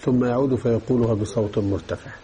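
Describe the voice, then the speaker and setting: A man's voice: medium pitch, steady tone, fast, mellow, a little hiss or hum. A man teaching Islamic jurisprudence, explaining a text and often checking that his students are following. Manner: explanatory, checks understanding with repeated questions. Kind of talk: religious lesson explaining a text.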